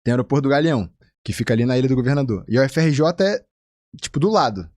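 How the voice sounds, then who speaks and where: A lively Carioca man at a mid pitch tells a personal story on a podcast, swinging up high whenever he acts out what others said. His voice sits close and dry on the mic, with no room sound around it. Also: rapid-fire, dry recording. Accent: Carioca Brazilian Portuguese. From Rio de Janeiro, Brazil. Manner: animated, acts out quoted voices with big pitch jumps. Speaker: guest, physician. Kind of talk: casual anecdotal storytelling.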